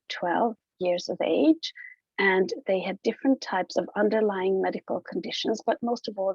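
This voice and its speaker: Hungarian-born woman prof, middle-aged, casual conference talk, lots of ums, raspy voice, muffled dry mic. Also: mid-range voice, darkish tone, no echo. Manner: informal, thinking aloud with fillers and restarts. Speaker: professor presenting research. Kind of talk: conference presentation. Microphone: online talk over a computer mic. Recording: dull, dry lo-fi audio.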